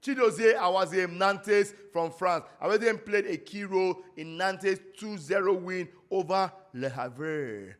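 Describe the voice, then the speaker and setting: A man's voice: high voice, steady tone, moderate pace, hardly any pauses. A Nigerian man hosting a casual football roundup, chatty and stumbling over foreign names now and then, slipping into pidgin asides. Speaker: football show host.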